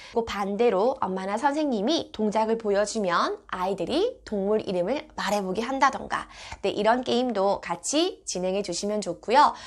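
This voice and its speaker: A woman's voice: mid-range voice, fairly bright tone. A woman giving polite, encouraging instructional narration about children's picture books, as if for parents and teachers of toddlers.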